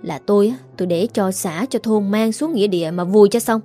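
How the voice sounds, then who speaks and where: A woman's voice: medium pitch, a little fast, dark tone, faint music behind, lightly acted. A woman doing a scornful village gossip. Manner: scornful, mocking.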